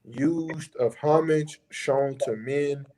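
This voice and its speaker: A man's voice: a little high, warm tone. Man walking through a word study. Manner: explaining a word study, halting. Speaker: congregation member. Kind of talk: scripture study discussion.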